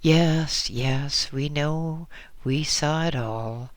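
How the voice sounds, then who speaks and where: A man's voice: a little high, extremely slow, dry recording. A man voicing a soothing old lama. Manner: soothing, repeating himself. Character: old male lama, gentle tomb custodian.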